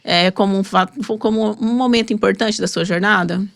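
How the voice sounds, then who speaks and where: Woman interviewer, gentle prompts, slight gravel, dry sound. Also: mid-range voice, steady tone, normal speed, no room sound. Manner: gently prompting, brief acknowledgements.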